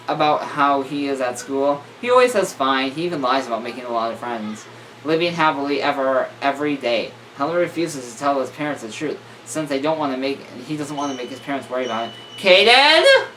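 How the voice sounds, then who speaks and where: A young man reads a horror story aloud with a lively, swooping pitch, often tripping over words and fixing them. He sits a little back from the mic, with faint noise around him. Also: a little fast, far from the mic, rough recording. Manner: stumbling, self-correcting, joking asides. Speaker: reader.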